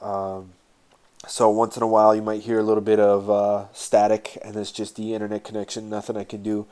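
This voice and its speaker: A man with a lowish voice and very little rise and fall talks casually as a podcast host. His nose is stuffed up from a sinus cold, so he sounds congested and breathes through his mouth as he speaks. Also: monotone, fairly quick, darkish tone, clean tone. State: stuffed-up nose, getting over a sinus infection. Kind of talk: casual solo podcast talk with sponsor plugs.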